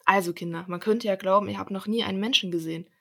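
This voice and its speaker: A young woman reading a storybook aloud, voicing a kind, motherly gnome wife who gently scolds her children. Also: mid-range voice, steady tone, fast, gravelly, husky. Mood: gentle.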